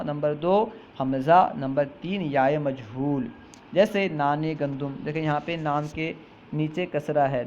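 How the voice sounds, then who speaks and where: A man with a fairly high voice gives a grammar lesson. He reads each example slowly and repeats it before he explains it. The recording sounds dull and lo-fi, with a faint hiss underneath. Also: vocal fry. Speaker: teacher.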